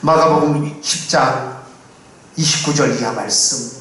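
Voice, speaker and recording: A man preaching a sermon as pastor, swinging between loud emphatic declarations and quiet low asides in a solemn, exhorting cadence. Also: a little slow. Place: church sanctuary. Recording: very echoey hall, mic far off.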